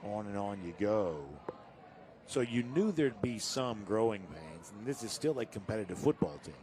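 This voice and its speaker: A man calling a live high school football game play by play, steady and informative, climbing in energy on big plays. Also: normal speed. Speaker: play-by-play announcer.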